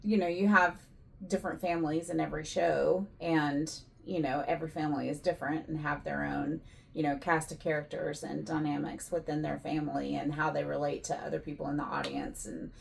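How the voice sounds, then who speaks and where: Low, creaky-voiced woman chatting casually. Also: level tone, a little fast. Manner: conversational, frequent "you know". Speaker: vlog co-host. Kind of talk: casual chat.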